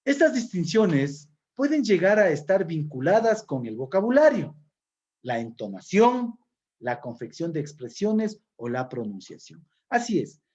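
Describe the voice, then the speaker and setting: A man lectures a class in a fairly high, husky voice. He explains patiently and keeps checking in with the listeners. The sound is dull and lo-fi. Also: sing-song, a little slow, a little mellow. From Ecuador. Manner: explanatory, frequent checking questions. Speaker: teacher. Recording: dull lo-fi recording.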